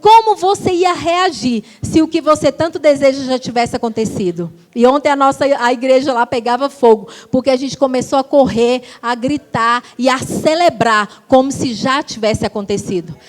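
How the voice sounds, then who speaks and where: High-voiced woman preaching animated stories. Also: normal speed, few pauses. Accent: Brazilian Portuguese. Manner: animated storytelling, acting out quoted voices. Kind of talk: sermon with personal anecdotes. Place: church.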